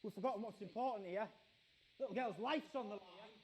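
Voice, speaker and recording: An actor playing a brash, bossy middle-aged male TV producer, with a loud, blunt, commanding way of talking. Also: high voice, fairly quick, lightly acted. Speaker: television producer. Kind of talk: live-action game acting.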